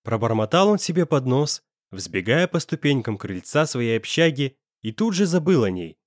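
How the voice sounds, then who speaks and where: A man narrating a story in an expressive reading style, voicing each of the characters himself. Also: medium pitch, normal speed, dry recording, studio quality. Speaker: audiobook reader.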